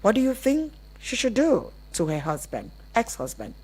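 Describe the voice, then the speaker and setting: Background noise accompanies a woman with a Nigerian accent hosting a live advice call-in on radio. Her voice runs on the high side with huge pitch swings at a moderate pace, and she explains conversationally, often rewording herself.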